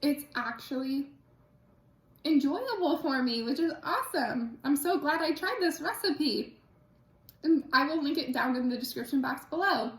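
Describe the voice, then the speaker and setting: A young woman hosting a casual cooking vlog from her home kitchen, chatty and quick to laugh, with plenty of "like" in her talk. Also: high voice, animated. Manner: chatty, laughs easily, says "like" often. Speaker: cooking channel host. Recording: echoey kitchen.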